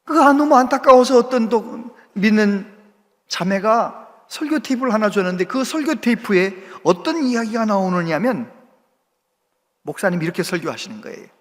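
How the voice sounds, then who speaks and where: A recording with church hall reverb captures a male pastor preaching in a large sanctuary, his high voice animated and at normal speed. As he tells a story, his pitch rises and falls sharply.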